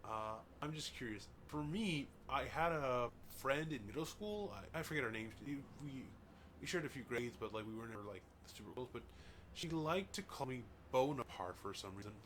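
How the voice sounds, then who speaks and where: A native English-speaking gaming channel host with a medium-pitched, lively voice plays through a game at normal speed, reading on-screen dialogue aloud casually. He trips over names and adds chatty asides over loud music, with a little hiss or hum.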